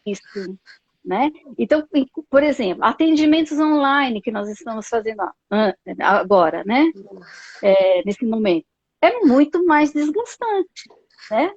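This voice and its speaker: A woman's voice: fairly high pitch, expressive, measured pace, no room sound. A woman psychologist with a Brazilian Portuguese accent, talking thoughtfully on a live video call with many fillers and tag questions. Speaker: psychologist guest. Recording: dull lo-fi video call audio.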